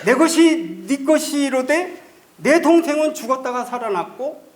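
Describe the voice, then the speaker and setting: A man voicing a loving older father who reassures his son in a slow, drawn-out way. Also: very high voice, lively intonation, pitched above the performer's own voice. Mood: reassuring.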